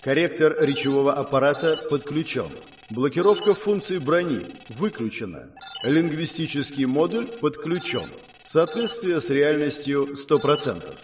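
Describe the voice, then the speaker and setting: A man's voice: fairly high pitch, animated, moderate pace, faint music behind, pitched above the performer's own voice, close to an everyday voice. A man voicing a clipped game system announcer. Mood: matter-of-fact. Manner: clipped status reports.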